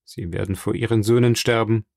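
A man reading the lines of a calm, worldly middle-aged count in an audiobook, measured and quietly ironic. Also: lowish voice, vocal fry, no echo, clean studio sound. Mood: composed.

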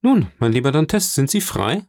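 A man reading the part of a hearty middle-aged shipowner in an audiobook, lively and confiding. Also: mid-range voice, normal speed, dry recording, clean studio sound, voice pushed up.

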